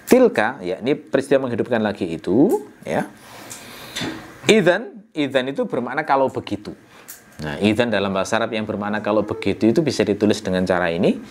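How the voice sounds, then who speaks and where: A man teaching the meaning of a scripture passage in a relaxed, conversational way. He poses rhetorical questions and answers them himself. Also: on the low side, a little fast, slight background noise. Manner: conversational, frequent "ya" and "nah" fillers. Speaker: Quran exegesis teacher. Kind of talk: explanatory religious lecture.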